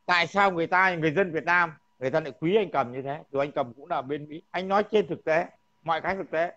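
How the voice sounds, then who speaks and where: Guy, earnest and agreeable, kinda high voice, muffled lo-fi audio. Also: fast talker, a bit bright. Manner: agreeing, short assents, earnest. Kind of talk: casual chat. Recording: dull lo-fi sound.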